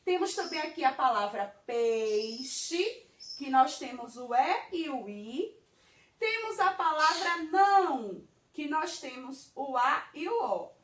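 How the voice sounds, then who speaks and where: Slow, high-voiced woman teacher. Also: very animated. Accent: Brazilian Portuguese. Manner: slow, patient, checks in with "tá certo?". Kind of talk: children's grammar lesson. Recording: roomy, from a distance.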